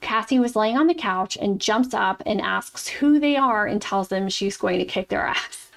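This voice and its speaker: A woman's voice: mid-range voice, expressive, normal speed, gravelly. A woman co-hosting a true crime podcast, telling the case in a blunt, casual way and swearing freely. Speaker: podcast co-host.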